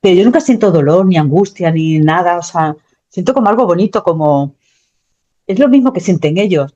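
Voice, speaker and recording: A woman's voice: fairly low pitch, brisk. A woman, telling her story as an interview guest, talking animatedly with frequent restarts. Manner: animated, many restarts and repetitions. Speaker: guest recounting a near-death experience. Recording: dull lo-fi sound.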